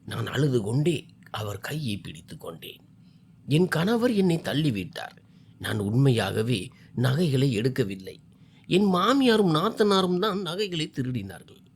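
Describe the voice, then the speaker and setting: A man's voice: medium pitch, sing-song, a little slow, gravelly, husky. A man narrating a first-person family drama story with an emotional, wide-swinging delivery.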